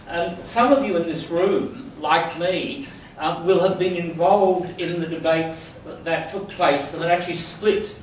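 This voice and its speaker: An older Australian man gives a wry, anecdotal after-dinner speech full of ums in a large dining room. His voice is a little high. A distant mic captures the echoey hall from far off, with slight background noise.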